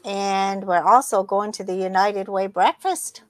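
A woman's voice: medium pitch, measured pace, no room sound. Casting: middle-aged woman, chatty co-host going over plans, dry recording. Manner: chatty, runs through event schedules. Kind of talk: casual chat.

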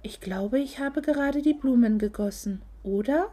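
A woman's voice: high voice, normal speed, dark tone. A woman voicing a dazed, frail woman in shock who speaks with a thin, whispery voice, in a storybook reading.

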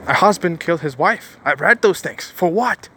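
Emphatic man with a higher voice. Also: lively intonation, normal speed, noisy background. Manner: emphatic, repeats phrases for stress; rambling with frequent restarts. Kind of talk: preachy motivational monologue.

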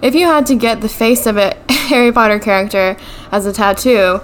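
A woman's voice: on the high side, moderate pace, noisy background. A woman podcast co-host in casual chat, giggly and tipsy, laughing through her words.

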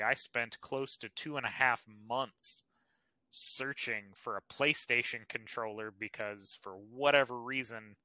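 A man co-hosting a casual podcast with a strikingly bright, forward voice. He explains in a confident, informal way. The sound is dry and close. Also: lowish voice, no echo, low-quality recording. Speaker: podcast co-host. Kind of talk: casual chat.

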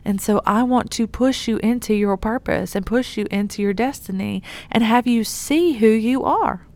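A woman's voice: on the high side, moderate pace, darkish tone. A young adult woman youth pastor giving an earnest, encouraging devotional talk, laughing at herself now and then.

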